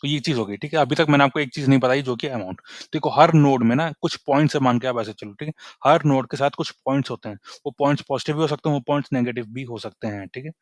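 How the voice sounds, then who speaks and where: Young man, brisk casual coding tutor, dry close sound, keeps checking that viewers follow. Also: medium pitch, no echo. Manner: chatty, repeats "ठीक है?" after nearly every point.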